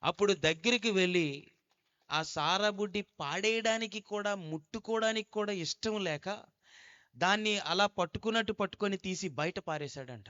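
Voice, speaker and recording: A male preacher delivers an emphatic storytelling sermon, pressing his listeners again and again to listen closely. His voice sits fairly high. The recording is dull and lo-fi. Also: moderate pace, pushed and bright.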